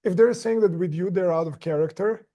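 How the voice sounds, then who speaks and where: A man speaking as a guest on a podcast, casual and measured, often restarting his sentences. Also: high-pitched, warm tone. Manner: measured and slow, with frequent restarts and "like" fillers. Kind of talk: casual chat.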